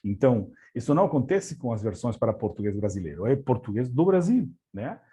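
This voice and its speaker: A man's voice: mid-range voice, big pitch swings, a little fast, dark tone. A man from Argentina, a native Spanish speaker with an Argentine accent, gives a webinar presentation, often hesitating, with many fillers and repeated words.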